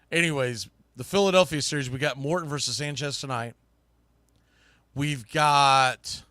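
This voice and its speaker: Clean studio audio with no room sound carries a medium-pitched male voice that comes across pushed and bright. He's an American baseball podcast host and broadcaster, riffing emphatically with strong, folksy opinions.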